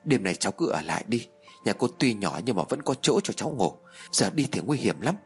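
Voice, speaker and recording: A man voicing a worried, sharp-tongued middle-aged mother in a spooken horror story. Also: on the low side, sing-song, a little fast, faint music behind. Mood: urging. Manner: sharp, scolding, then secretive. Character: anxious scolding middle-aged village mother.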